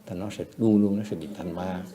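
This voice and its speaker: A man's voice: low voice, fairly even intonation, a little fast, a crowd in the background. A man giving a retreat dharma lecture in a temple hall, switching between English and Vietnamese and chuckling often. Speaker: meditation teacher.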